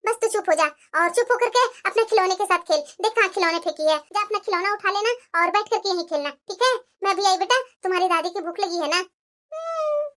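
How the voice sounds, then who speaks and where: A woman's voice: very high-pitched, a bit bright. Woman voicing a patient young cartoon mother. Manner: soothing, patient. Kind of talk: Hindi cartoon voice acting.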